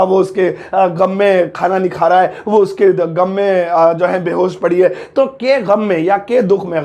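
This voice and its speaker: A high-pitched man with a gravelly edge and an Indian accent, teaching English vocabulary. He talks playfully and slips in little laughs, then stretches each English phrase out slowly so it sticks. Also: darkish tone. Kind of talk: Hindi-language English vocabulary lesson.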